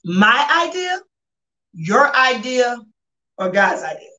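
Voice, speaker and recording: A woman's voice: fairly high pitch, very animated, takes it slowly, pushed and bright. A woman co-hosting a faith talk show, speaking casually with slang and repeating phrases for emphasis. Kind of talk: casual conversational religious discussion.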